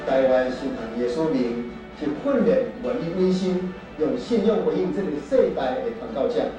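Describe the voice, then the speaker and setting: A man's voice: mid-range voice, expressive, moderate pace. A man with a Taiwanese Hokkien accent delivering a formal, scripted appeal. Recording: distant echoey playback with music.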